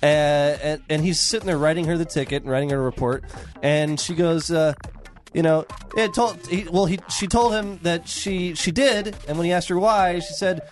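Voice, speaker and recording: A man's voice: fairly high pitch, normal speed, faint music behind. A man co-hosting a casual comedy radio show, telling stories with many fillers and restarts. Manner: rambling storyteller with many fillers.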